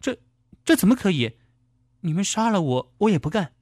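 A frightened young woman taxi driver, played by a male storyteller, pleading in a high, hurried voice that leaps up and down in pitch. The sound is close and dry. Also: very animated, a little mellow, no room sound.

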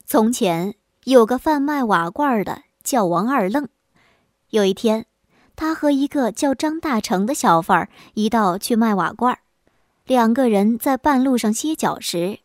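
Woman storyteller, higher voice, dry close-mic folk tale reading. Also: no echo. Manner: even, clear storytelling delivery. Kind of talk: scripted folk tale narration.

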